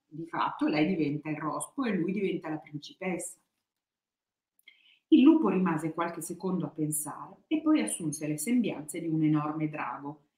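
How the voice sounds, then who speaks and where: A woman author reading her children's book aloud in a bookshop with lively, expressive storytelling. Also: low voice. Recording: echoey room.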